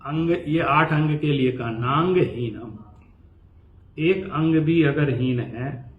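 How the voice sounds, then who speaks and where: A man giving a lecture on scripture, slowly chanting verses and then explaining them in a lively, conversational way. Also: fairly high pitch. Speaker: professor teaching scripture. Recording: echoey, dull-sounding room recording.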